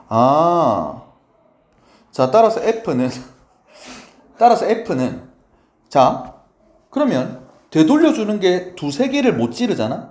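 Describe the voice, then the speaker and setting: A male math teacher explains a lesson in a playful, chatty way. His voice sits slightly high and swings widely, rising and falling through each phrase. He keeps checking in with his listeners and acts out small quoted lines. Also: darkish tone. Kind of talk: lively classroom lecture.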